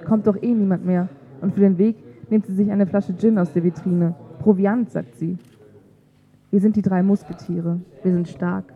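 A woman narrates a literary story aloud, calm and measured, in a medium-pitched voice. The recording sounds tinny, like a phone.

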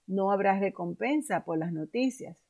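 A woman's voice: medium pitch, expressive, moderate pace, darkish tone. A woman voicing a blunt, stern army commander who scolds his king in a Bible story reading. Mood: firm. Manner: blunt, reproachful.

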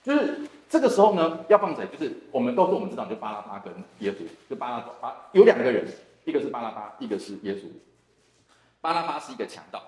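A man's voice: medium pitch, sing-song, fast, darkish tone. A man with a Taiwanese Mandarin accent, a church deacon teaching a Bible study class, who acts out the dialogue from the passage. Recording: echoey room.

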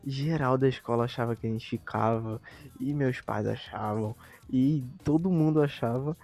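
A man's voice: medium pitch, normal speed, a little mellow. A Brazilian man on a podcast, telling a school story in casual, slangy, profane talk. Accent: Brazilian Portuguese. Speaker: podcast co-host.

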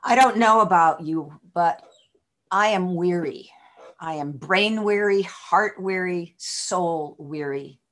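A woman preaches a sermon to her congregation over a video call. Her voice sits low and she speaks slowly and reflectively, pausing often with small fillers. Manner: slow, reflective, with frequent fillers.

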